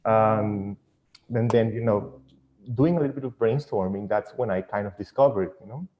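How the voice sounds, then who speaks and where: A man's voice: on the low side, moderate pace. A man with a Venezuelan accent speaking casually and a little hesitantly as a tutor in an interview over an internet call. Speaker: online physics tutor. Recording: dull lo-fi internet call audio.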